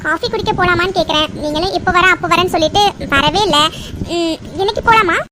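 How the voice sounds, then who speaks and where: A woman's voice: very high voice, fast talker, very noisy. A woman playing a sugary, flirty cartoon coworker.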